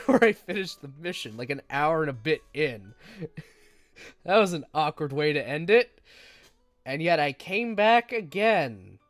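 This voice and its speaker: A game streamer with a fairly high-pitched voice chats casually, rambling and poking fun at himself while dealing with a stuffy nose and a lingering cough. He calls his own voice monotone, and the recording has no room sound.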